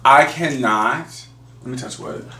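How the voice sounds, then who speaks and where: A man co-hosting a casual chat podcast, an animated storyteller who laughs often. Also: mid-range voice, a little slow, far from the mic, very noisy. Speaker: podcast co-host. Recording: roomy, off-mic.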